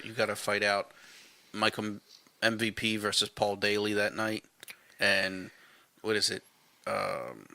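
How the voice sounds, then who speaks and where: A man's voice: fairly low pitch, bright, forceful tone, dry recording. A man co-hosting a casual sports podcast, blunt and opinionated, swearing casually as he gives his takes. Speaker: podcast co-host.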